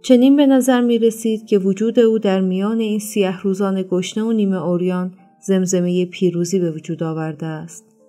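A woman reads a novel aloud in a steady, even manner. Her voice is dark and mellow, and soft instrumental music plays faintly beneath the narration. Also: medium pitch. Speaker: storyteller. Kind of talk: audiobook narration.

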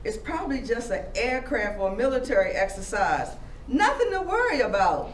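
A woman playing a brisk, dismissive woman in a scene reading. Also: on the high side, big pitch swings, roomy sound, distant mic, a little hiss or hum, low-quality recording.

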